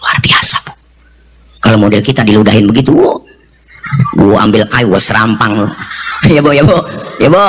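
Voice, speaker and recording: A man's voice: fairly low pitch, normal speed, pauses often, a little hiss or hum, rough recording. A male preacher, giving a comic sermon full of jokes and acted-out voices. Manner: joking, animated storytelling, voices for characters.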